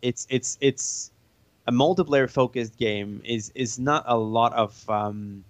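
A man speaking casually as an interviewed game developer, halting and often searching for words. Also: medium pitch. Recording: roomy, band-limited dull sound.

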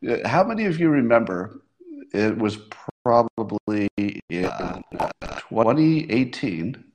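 A man's voice: medium pitch, big pitch swings, takes it slowly, a little mellow. A man in his sixties talking to his audience in a casual, musing monologue, with occasional self-amused laughs. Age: 60s. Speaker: livestream host.

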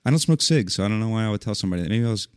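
A man co-hosting a podcast, talking in a joking, slangy, animated way. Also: fairly low pitch, racing, clear, resonant tone, dry recording, studio quality. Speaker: podcast co-host. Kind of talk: casual chat.

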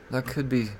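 A man's voice: medium pitch, a little mellow, slight background noise. A man hosting a comics podcast, going over new releases in casual, profane, joking talk and stumbling as he reads blurbs aloud.

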